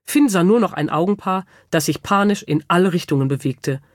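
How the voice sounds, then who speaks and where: A woman narrating a children's audiobook with lively, expressive storytelling. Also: on the low side, brisk, dry recording, clean studio sound.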